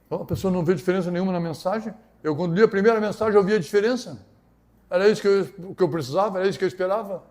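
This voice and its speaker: A man preaching a sermon, shifting between loud emphatic bursts and quiet low asides. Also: racing. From southern Brazil. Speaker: pastor.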